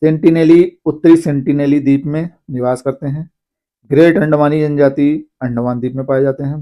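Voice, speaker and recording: A man teaching an exam-prep lesson, reading long lists of names slowly and pausing to explain. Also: fairly high pitch, steady tone, lo-fi sound. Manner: reads names slowly, apologizes for pronunciation.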